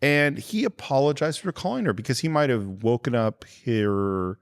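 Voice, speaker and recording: A man's voice: medium pitch, expressive, moderate pace. Man recapping a film scene by scene. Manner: recaps scenes, acts out the lines. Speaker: podcast host. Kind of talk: casual film review chat.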